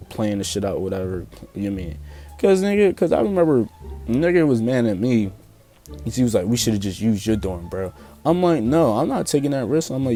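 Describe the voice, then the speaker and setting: A man's voice: on the low side, warm tone. A young man with a Philadelphia accent telling a story in a loose, profane, slang-heavy way, full of fillers and restarts. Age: young adult. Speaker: storyteller vlogger. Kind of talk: casual storytime.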